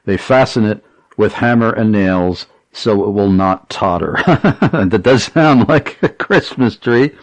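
A man's voice: on the low side, expressive, slow, no room sound, poor audio. Emphatic male talk radio host. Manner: earnest, emphatic, repeats key details.

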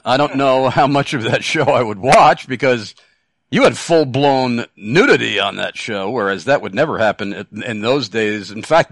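A man hosting a radio show, relaxed, chuckling often and using hesitant fillers. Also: mid-range voice, dry recording.

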